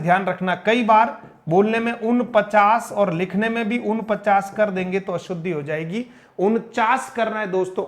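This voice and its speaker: A man's voice: high voice, a bit bright. A man teaching Hindi number words, repeating each one and correcting common mispronunciations. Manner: repeats and corrects each word, addressing viewers as friends; slow, emphatic drilling of pronunciation. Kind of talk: spoken grammar lesson.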